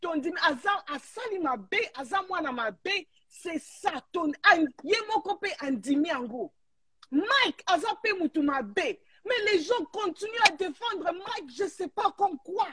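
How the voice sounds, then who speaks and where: Woman, high-pitched, emphatic, indignant, heated live chat. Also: animated, measured pace, pushed and bright, dry recording. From Congo. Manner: emphatic, indignant, switches into Lingala. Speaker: live stream participant.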